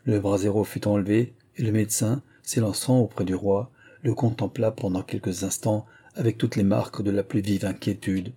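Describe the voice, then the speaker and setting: A man narrating a historical tale in a measured, literary reading. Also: lowish voice, steady tone, dark tone, husky.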